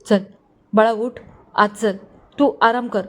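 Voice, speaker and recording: A woman's voice: fairly high pitch, fairly even intonation, slow pace. A woman voicing a middle-aged mother who tearfully tends her fainted daughter in a storybook reading. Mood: tearful tender. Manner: soft, tearful, coaxing.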